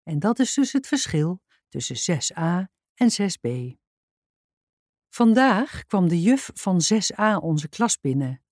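A woman with a fairly low voice reads a children's storybook aloud at a very slow, unhurried pace. The sound is dry and close, with no room around it. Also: sing-song, a little mellow, no echo. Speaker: storybook reader. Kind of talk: reading a children's book aloud.

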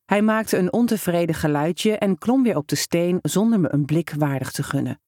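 Storyteller for a first-person story reading, mid pitch, steady and measured, in a dry close take. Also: no room sound.

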